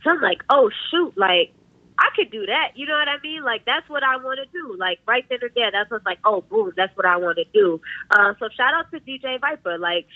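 A woman's voice: a little high, lively intonation, fairly quick, dry recording. A woman in her twenties, a DJ, telling her story in a laid-back, slangy way and laughing often. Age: 20s. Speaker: DJ guest. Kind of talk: casual interview chat. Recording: tinny phone-like line, dry.

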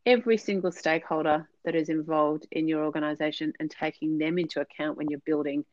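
A woman who is a business consultant gives conversational interview answers as a podcast guest, earnest and explanatory, with frequent fillers. Her voice is low and steady, and she talks fast. The audio is dull, with no room sound.

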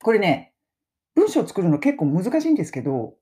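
A middle-aged woman hosting a casual spoken lesson, chatting and slowly modelling English phrases for listeners to repeat. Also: mid-range voice, very animated, warm tone. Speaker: English pronunciation teacher and podcast host.

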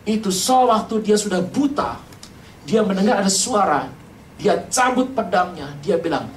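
An animated preacher delivers a joking sermon, throwing question after question at the congregation with a voice that swings widely up and down. The sound is roomy and caught from some distance off the mic, as in a big church hall. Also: mid-range voice, normal speed, slight background noise. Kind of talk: lively humorous sermon.

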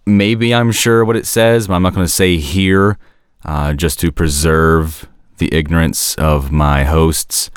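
A man with a low, resonant voice talks through ideas as a podcast host. He is casual and analytical, halting to find the right word, and the recording is very dry. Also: fairly even intonation, clean tone, dry recording. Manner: hesitant, searching for words, self-correcting. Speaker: podcast host discussing an animated series.

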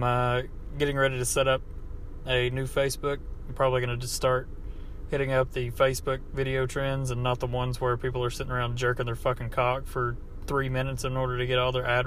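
Seated in a car, this podcast host rambles through an unscripted, casual monologue full of profanity and jokes at his own expense, all in an Appalachian hillbilly American accent. He speaks at a medium pitch with a slightly bright quality. Car noise hums behind him on an amateur setup.

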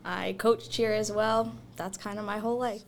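A woman's voice: medium pitch, fairly even intonation, normal speed, creaky, slight background noise. A teenage girl from Canada, a graduating student who gives brief, matter-of-fact interview answers. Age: late teens.

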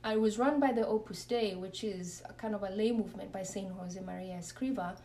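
Earnest religious sister, off-mic. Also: female voice, mid-range voice, a little fast, warm tone, a little hiss or hum. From Kenya. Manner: earnest, reflective. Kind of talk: interview testimony and spoken prayer. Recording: voice a bit far from the mic.

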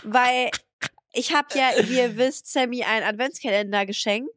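A woman's voice: on the high side, normal speed, no room sound, clean studio sound. A young woman co-hosting a podcast, chatting casually and telling stories with animation, acting out what others said. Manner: animated storytelling, acts out what people said. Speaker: podcast co-host. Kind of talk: casual chat.

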